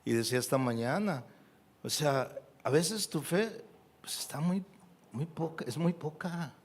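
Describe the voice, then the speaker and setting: A man with a Mexican Spanish accent preaching a sermon as a pastor, animated and full of rhetorical questions to the congregation. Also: fairly high pitch, a little slow, husky. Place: church.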